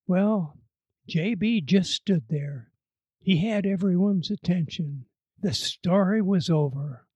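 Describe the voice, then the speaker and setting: A man telling a frontier tale aloud in a dramatic, lively storytelling manner. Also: high-pitched, slow, husky, no echo, highs cut off. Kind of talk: told tall tale.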